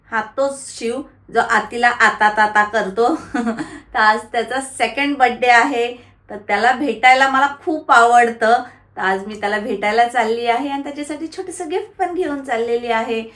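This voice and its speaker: A woman's voice: on the high side, unhurried, a bit bright, reverberant. A woman vlogger, chatting casually to her viewers and talking baby talk with a toddler. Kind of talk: casual vlog chat.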